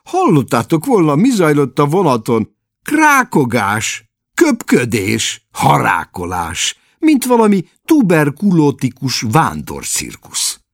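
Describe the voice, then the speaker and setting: A man's voice: on the high side, wildly swooping pitch, no room sound, studio quality, pitched above the performer's own voice, exaggerated voice. A man reading aloud and voicing an irritable young man ranting in complaint.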